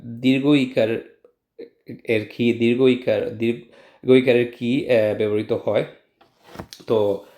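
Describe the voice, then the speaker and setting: A man teaching an online English lesson, explaining step by step and saying example sentences slowly with rising question tones. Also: medium pitch, a little mellow, reverberant.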